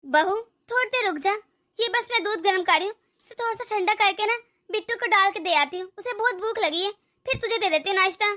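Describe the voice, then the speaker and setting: A woman's voice: very high-pitched, fairly quick, sharp tone. A grumbling cartoon mother-in-law. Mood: weary. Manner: weary, grumbling self-pity. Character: harsh older mother-in-law, tired, complaining. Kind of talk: cartoon dub voice acting.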